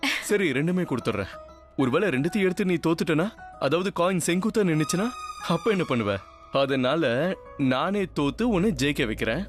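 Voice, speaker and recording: A man voicing a playful, teasing young husband in a dubbed TV drama, affectionate and devoted, with soft music behind. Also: on the high side, animated, a little fast, lightly acted. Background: soft background music.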